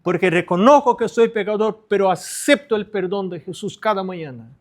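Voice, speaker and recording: A middle-aged pastor preaching a sermon to other pastors, earnest and repetitive, stressing short phrases. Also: male voice, high-pitched, normal speed.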